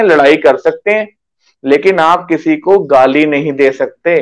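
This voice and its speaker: A man's voice: sits high, a bit bright, poor audio. A man giving an earnest sermon, turning to address elders in the audience. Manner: earnest, addresses elders directly, mixes Hindi and Marathi. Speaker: religious preacher.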